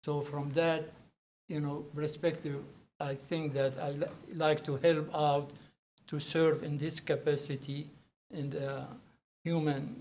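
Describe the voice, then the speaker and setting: An older man from Syria, introducing himself at a public meeting and pausing often to find his words. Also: a little high, flat delivery, darkish tone, slight background noise. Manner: hesitant, searching for words. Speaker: commission nominee.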